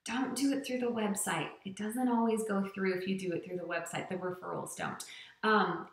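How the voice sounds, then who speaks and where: A woman's voice: mid-range voice, steady tone, moderate pace, echoey room. A woman who teaches English online, giving upbeat, chatty tips in a casual vlog with frequent fillers. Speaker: online ESL teacher and channel host.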